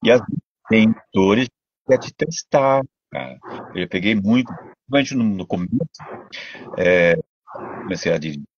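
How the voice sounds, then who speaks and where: An older man with a Brazilian Portuguese accent, a voice actor and dubbing director telling stories in a casual interview, animated and full of restarts. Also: lowish voice, normal speed, pauses often, slightly rough, no echo, muffled recording. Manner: animated storytelling, many restarts.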